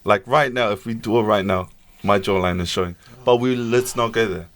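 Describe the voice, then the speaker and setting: A man's voice: lowish voice, fairly quick, a bit bright. A man with a broad Kiwi New Zealand accent chatting casually in a slangy, joking, self-deprecating way. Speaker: podcast guest, musician and streamer.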